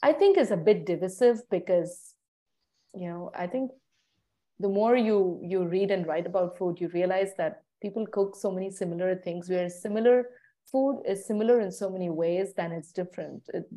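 Reflective woman with a mellow voice. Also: on the low side. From India. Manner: reflective, measured, pauses to search for words. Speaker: interview guest, food writer. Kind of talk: conversational interview answers.

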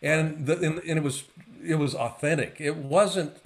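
A man's voice: a little high, normal speed. A man hosting a podcast conversation, emphatic, with repeated words and laughing along.

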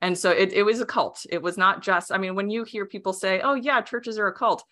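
A young adult woman from the United States, whose first language was Romanian, chats casually as a podcast guest in a casual interview. Her medium-pitched voice is steady, brisk and sharp in tone, and she rambles with many fillers, restarts and frequent laughs.

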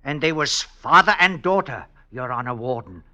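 A man's voice: mid-range voice, expressive, normal speed, bright, forceful tone. An actor playing a sly, cunning male prisoner in a 1950s radio drama, with whispered asides and cackles. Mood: earnest.

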